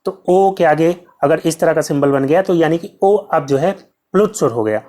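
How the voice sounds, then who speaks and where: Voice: medium pitch, animated, normal speed, dark tone. A Hindi teacher talks through an exam-prep lesson in a mid-range voice. The teacher drills each point by asking a question and then answering it. Nearly every sentence carries the filler "जो है". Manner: heavy use of filler "जो है".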